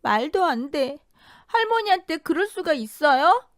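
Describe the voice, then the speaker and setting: Teenage girl voiced by a woman, audio drama, defiant, pleading, high voice. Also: sing-song, a little slow, dry recording, studio quality. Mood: shocked. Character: teenage granddaughter, outspoken and tearful.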